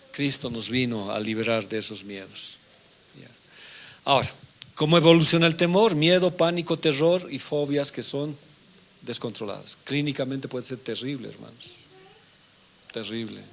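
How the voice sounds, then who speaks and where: A man's voice: medium pitch, moderate pace, a little hiss or hum. Preaching man, asks and answers. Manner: animated preaching, reads scripture aloud, asks the congregation questions. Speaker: pastor teaching a Bible class. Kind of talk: sermon.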